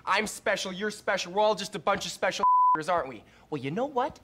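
A man's voice: high voice, lively intonation, brisk, fairly bright tone, slight background noise. An actor playing a crude, cocky young American man in a raunchy film comedy, foul-mouthed, taunting and swaggering. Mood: sneering, boastful. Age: 20s. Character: crude, brash, cocky young male party loudmouth. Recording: film soundtrack with music behind.

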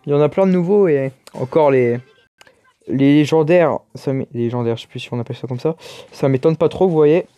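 A man gives casual, chatty commentary while he plays a game, exclaiming and muttering to himself between moves. His voice is dark and mellow, recorded dry and close, with faint music underneath. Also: a little high, a little fast, dry recording. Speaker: gaming YouTuber.

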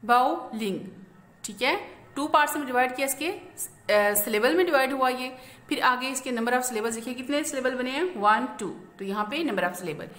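A woman teacher explains a grammar lesson slowly, asking questions and then answering them herself. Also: on the high side, fairly bright tone. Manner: slow, explanatory, asks and answers own questions. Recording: echoey room.

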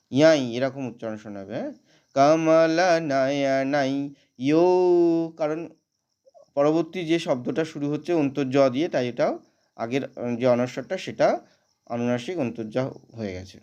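A man teaching how to pronounce a Sanskrit prayer, chanting verses slowly and breaking each word down syllable by syllable. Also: medium pitch, a little mellow, highs cut off. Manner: slow drawn-out chanting of verses, brisker spoken explanations. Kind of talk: chanting a prayer, then explaining pronunciation.

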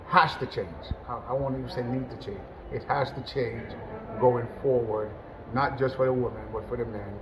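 Speaking over a webcam in front of a sponsor backdrop indoors, a middle-aged football coach from Jamaica who leads a national team gives a relaxed post-match interview. His voice is mid-range, peppered with "you know" and restarted phrases, and background noise is present.

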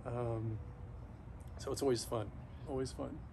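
A middle-aged man talking casually and haltingly to camera outdoors, shivering in ice-cold water, pausing often mid-thought. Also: medium pitch, fairly even intonation, creaky, mellow. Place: backyard, outdoors, in an ice bath. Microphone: camera a few metres away. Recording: noisy outdoor recording, ambient hum.

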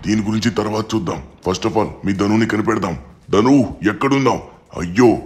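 A man voicing a calm, dutiful police inspector who reassures a child in a game machinima story. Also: sits low, close to an everyday voice. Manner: reassuring, steady.

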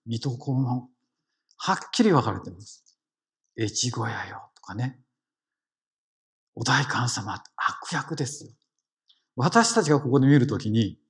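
A man of medium pitch and slightly rough tone speaks with a Kansai accent, leading a conversational sermon as a lay preacher. Engaging throughout, he questions the congregation and uses lots of "ne" tags.

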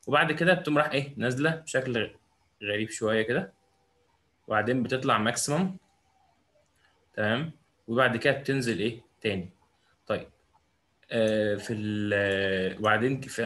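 A man's voice: medium pitch, fairly bright tone. A young man with an Egyptian Arabic accent giving a physics lesson, often asking a question and answering it himself. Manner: asks rhetorical questions and answers them himself. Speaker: physics teacher. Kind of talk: classroom lecture.

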